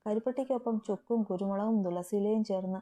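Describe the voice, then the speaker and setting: A woman reads a romantic story aloud in a calm, even way. Her voice is notably dark and mellow, with a relaxed tone throughout. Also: medium pitch, quick pace. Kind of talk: scripted story narration.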